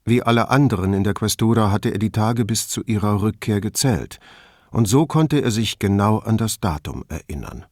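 A man calmly narrating an audiobook in an even storytelling manner, close to the microphone. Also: lowish voice, normal speed, dry recording. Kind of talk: scripted narration.

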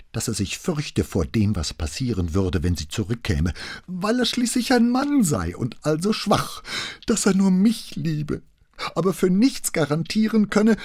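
A man's voice: on the low side, a little mellow, husky, no room sound, studio quality, voice pushed up. A man voicing a proud, agitated married woman who confesses in a pressed, indignant tone. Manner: pressed, indignant, self-righteous.

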